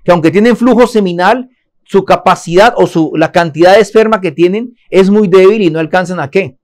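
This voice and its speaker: A man's voice: sits high, a little fast. A man teaching a Torah lesson, asking his listeners questions and answering them himself.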